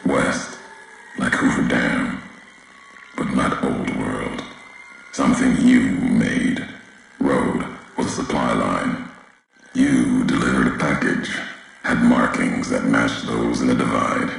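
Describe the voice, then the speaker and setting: An actor voices a brooding, vengeful courier of the wasteland in video game dialogue, using an exaggerated, gravelly, very deep male voice. He speaks gravely in slow, cryptic, clipped fragments. The recording echoes heavily, with faint background noise.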